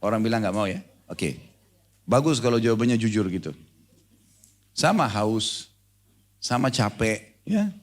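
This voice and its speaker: A man with a fairly low voice delivers a sermon in a loose, conversational manner. He keeps turning to his listeners with questions, as if chatting with them. His delivery is lively and familiar, like a storyteller. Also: a little slow, long pauses. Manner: conversational, questions the audience often; lively storytelling with acted-out dialogue. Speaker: preacher. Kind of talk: sermon to a congregation.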